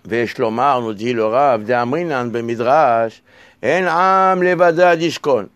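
Male Torah teacher, slightly high voice, dry recording, reads texts slowly, explains with restarts. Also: dry recording. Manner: halting, repeats and restarts words while explaining; slows down to read out texts. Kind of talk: Talmud lesson, reading Hebrew and Aramaic then explaining in French.

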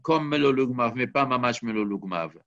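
A man's voice: medium pitch, lively intonation, moderate pace, a bit bright. A man teaching a Talmud study lesson, explaining step by step and weaving Hebrew and Aramaic terms into his talk. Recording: dull lo-fi recording.

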